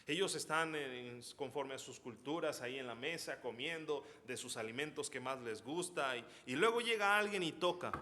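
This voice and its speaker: A man's voice: medium pitch, expressive, moderate pace, few pauses, bright, forceful tone, slight background noise. A man preaching a sermon, who tells stories and builds to fervent urgency. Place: church sanctuary. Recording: long hall reverb.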